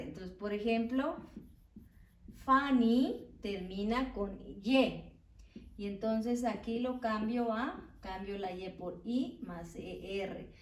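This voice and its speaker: Slow, deliberate teacher woman in an echoey room. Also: a little high, recorded from a distance. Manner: very slow and deliberate, spelling out words. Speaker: English teacher. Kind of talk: slow explanatory lesson.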